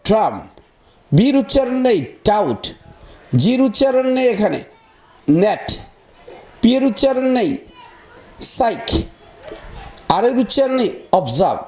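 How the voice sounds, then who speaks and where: His voice sits high and has a darkish tone, with wide swings in pitch. During a pronunciation lesson, the man talks directly to students, spells words out one letter at a time, and slowly repeats them.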